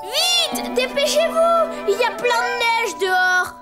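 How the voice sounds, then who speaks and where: A very high, wildly bouncing voice of a playful little boy bear in a cartoon, played by a woman. He drags out his words slowly, and loud music plays behind him. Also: animated, heavily acted. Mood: gleeful. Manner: squealing, eager childlike voice.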